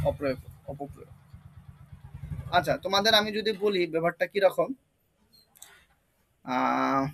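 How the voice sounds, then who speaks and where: A man's voice: high voice, noisy background. A young man with a Bengali accent teaching an online exam-prep English lesson, repeating key terms and quizzing his students.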